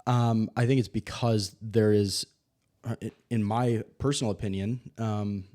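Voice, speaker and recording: A man in his late twenties co-hosting a casual Bible discussion podcast, relaxed, with wry quips, often trailing off quietly. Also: fairly low pitch, a little slow. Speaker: co-host, host's son.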